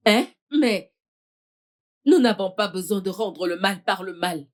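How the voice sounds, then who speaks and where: A woman playing a worried mother in a French film dub, pleading with her grown children to stay calm. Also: medium pitch, measured pace, close to an everyday voice. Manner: pleading, soothing.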